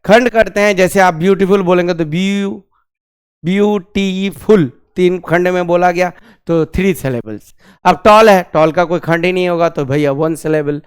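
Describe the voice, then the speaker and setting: Man, grammar teacher, classroom lesson, high voice, smooth and resonant, asks questions and repeats key terms. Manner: drills slowly on key terms.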